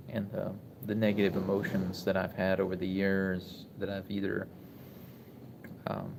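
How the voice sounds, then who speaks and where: A man in his forties with a very deep, gravelly voice speaks slowly in a reflective, halting way, often restarting his sentences. He talks casually on a live stream from a hospital room, with clear room noise behind him. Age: 40s. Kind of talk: casual live-stream talk reading chat.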